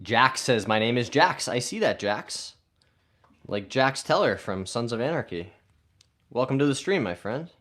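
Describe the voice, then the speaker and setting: A man's voice: medium pitch, animated, a little slow, a bit bright. A man hosting a golf live stream, casually reading viewer comments aloud and answering them in an upbeat way.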